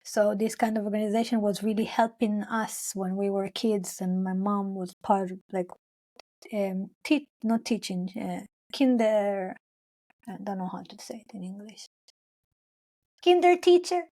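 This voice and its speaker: In this interview the young Hebrew-speaking singer from Israel-Palestine again tells her story in English, rambling through fillers and restarts while voicing what she once said. She sounds unhurried, medium-pitched and dark in tone.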